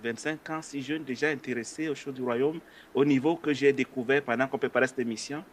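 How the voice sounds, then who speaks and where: A man with a medium-pitched, steady voice hosts a conversational religious interview, speaking a little fast. He asks his questions politely and hesitantly, with frequent filler sounds.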